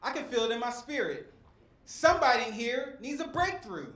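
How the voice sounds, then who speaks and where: A middle-aged stand-up comedian from West Philadelphia works the crowd on a comedy club stage with a preacher-like cadence. His voice is extremely high-pitched, very animated and fairly bright, at a moderate pace. The club sounds echoey, with faint crowd noise.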